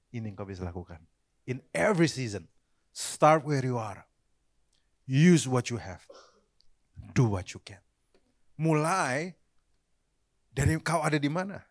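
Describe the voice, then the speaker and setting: A male pastor preaching a live church sermon in an easy, conversational way, speaking straight to the congregation and dropping English phrases in as he goes. His voice sits at an average pitch. The sound is dry and close, with little room echo. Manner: addresses the congregation directly and often. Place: church service, recorded live.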